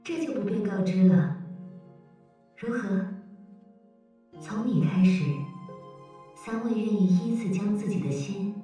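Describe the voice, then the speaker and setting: A man's voice: sits high, animated, unhurried, pauses often, warm tone, very echoey, far from the mic, faint music behind. An actor voicing an aloof, cryptic male hermit sage, his voice muffled through a closed door, speaking in a formal, pointed and probing way.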